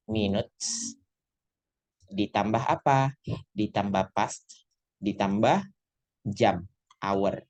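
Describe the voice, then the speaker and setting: This online English lesson comes from a male tutor whose voice is on the low side and a little mellow, recorded through a computer mic on a video call. He lectures casually, sprinkling English phrases through what he explains.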